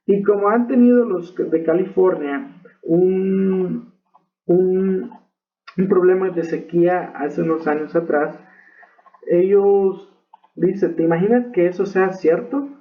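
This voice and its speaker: A man teaching English pronunciation in a recorded lesson, explaining patiently and checking in with "ok?". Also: sits high. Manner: slow, patient explaining with frequent "ok?" check-ins. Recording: tinny phone-like audio.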